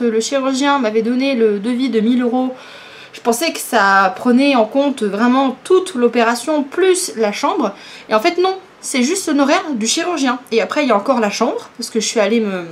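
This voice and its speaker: A woman vlogger chatting casually to camera in a hesitant way with drawn-out fillers, an electric fan running nearby. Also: high voice. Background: electric fan running right beside her.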